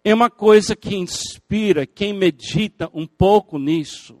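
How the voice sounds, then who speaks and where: A high-pitched older male pastor, a native English speaker, delivers an earnest sermon a little slowly, with emphatic repetition. He throws in playful asides to the congregation, and there's no room sound.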